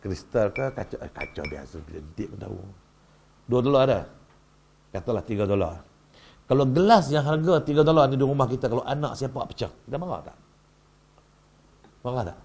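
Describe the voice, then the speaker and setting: A man giving a humorous religious workshop talk in a mosque, lively and peppering the audience with rhetorical questions. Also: mid-range voice, gravelly, breathy edge. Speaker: religious lecturer. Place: mosque hall.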